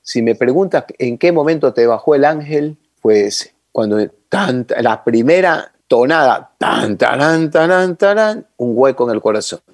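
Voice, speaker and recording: A man from Ecuador, a football commentator telling lively anecdotes in an interview and calling the listener "brother". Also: medium pitch, moderate pace, hardly any pauses, dry recording, clean studio sound. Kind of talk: interview storytelling.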